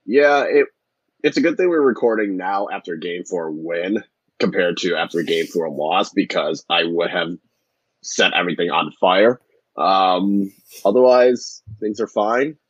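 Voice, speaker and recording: A man's voice: low-pitched, a little slow, husky, no echo. A man co-hosting a sports podcast in casual chat, on slightly dull audio. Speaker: podcast co-host.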